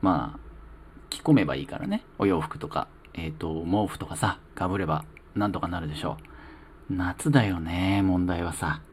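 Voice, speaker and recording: A man's voice: low voice, expressive, moderate pace, a little hiss or hum. A man from the Kanto region hosting his own solo talk show. He reads listener letters in a chatty, playful, self-mocking way. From Kanto region of Japan. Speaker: solo podcast host reading listener letters. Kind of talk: casual solo radio talk.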